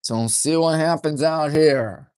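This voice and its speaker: A man doing play-by-play radio commentary for a high school baseball game from a press box, folksy and partisan, keeping his voice deliberately restrained. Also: clean tone, dry recording, studio quality. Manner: folksy, chatty, partisan toward home team; deliberately restrained, hushed delivery.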